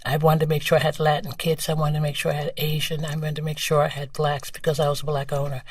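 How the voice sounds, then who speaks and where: An older woman from New York with a New York accent, telling her story as a guest in a casual interview, animated and laughing. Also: sits low, fast talker, no room sound, recorded from a distance. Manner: animated, laughing, acts out quoted voices.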